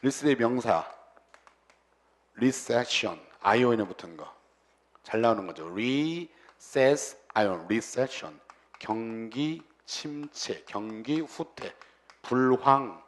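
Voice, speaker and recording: A man's voice: mid-range voice, lively intonation, slow pace. Man teaching words in chanted lists. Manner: breaks words into roots and repeats meanings in chanted lists; has students repeat pronunciations after him. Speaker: English lecturer. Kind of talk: vocabulary lecture.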